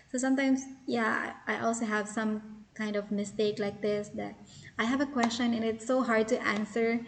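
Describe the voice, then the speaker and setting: A woman's voice: on the high side, slight background noise. A woman teaching a lesson on spiritual care, explaining step by step with fillers and restarts. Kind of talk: teaching lecture.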